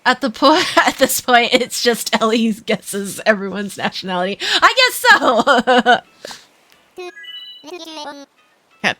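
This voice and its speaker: A woman from Minnesota, USA, with a Minnesotan accent chats casually and giggles while streaming a game, rambling off to talk with her chat. Her voice is a little high and fairly bright, with a measured pace and frequent pauses.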